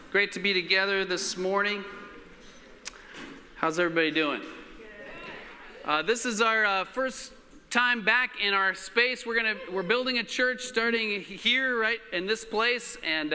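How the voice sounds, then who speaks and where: A man preaching into a pulpit microphone, his voice high and very bright. The church hall around him rings with a long reverb. He talks loosely and haltingly, full of fillers. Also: a little hiss or hum. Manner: relaxed, halting, with many fillers. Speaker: pastor. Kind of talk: sermon.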